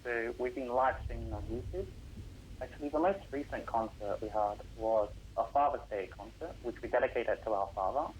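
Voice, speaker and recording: A teenage boy who speaks Russian at home answers radio interview questions about composing as a young composer guest. His mid-range voice moves fairly quickly, earnest and explaining at length with some hesitations. The rough recording carries slight background noise.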